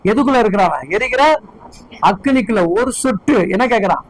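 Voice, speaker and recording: A man's voice: extremely high pitch, fairly quick, dry recording, low-quality recording. A man preaching a sermon as pastor, fervently firing repeated questions at his congregation.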